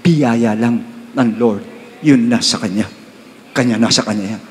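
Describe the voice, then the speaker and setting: A man with a Filipino accent preaching a sermon as pastor, swinging from calm talk to sudden high outbursts and slow stressed readings. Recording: long reverb of a large hall.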